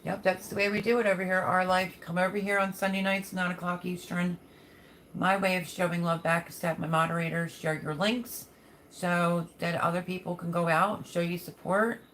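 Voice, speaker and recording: A woman's voice: fairly low pitch, flat delivery, moderate pace, fairly bright tone, slight background noise. A woman hosting a casual live chat, talking in a folksy, affectionate way as she reads and answers viewer comments. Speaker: livestream host.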